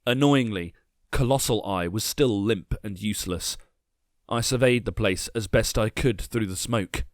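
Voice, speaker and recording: A man tells a dark story in the first person, with a fairly low voice and a measured, grim delivery. The recording is dry and close, with no room echo. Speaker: narrator.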